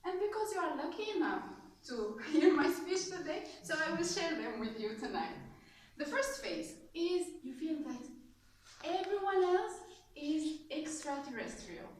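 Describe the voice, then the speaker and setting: A young woman from Tunisia giving a prepared club speech, animated and laughing often, with fillers and restarts. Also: high voice, measured pace, slight background noise. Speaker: club speaker. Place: meeting room with audience. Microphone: far camera. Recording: echoey room from far off.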